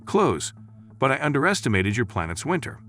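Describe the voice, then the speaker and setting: A man's voice: mid-range voice, very animated, brisk, a bit bright, faint music behind, pitched above the performer's own voice. A man voicing a shivering female alien castaway with a dry, sarcastic, clipped way of talking, in a storybook reading. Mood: weary, sarcastic.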